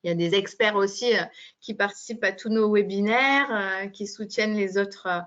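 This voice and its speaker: A webinar host for a medical device company speaks informally while giving thanks and announcements. Her voice is medium-pitched, a bit bright and at a normal speed. The audio is muffled and band-limited, typical of a webinar.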